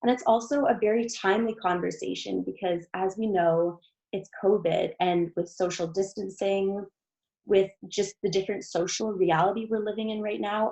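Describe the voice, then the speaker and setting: A woman's voice: mid-range voice, gravelly, a little mellow, muffled recording. A young woman hosting, giving an earnest, enthusiastic formal introduction of a guest speaker. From Canada.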